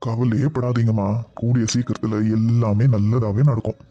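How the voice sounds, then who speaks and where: A man voicing a calm, reassuring grown man in a cartoon web series. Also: mid-range voice, normal speed, natural voice. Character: adult man, calm steady family elder brother. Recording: dull lo-fi recording.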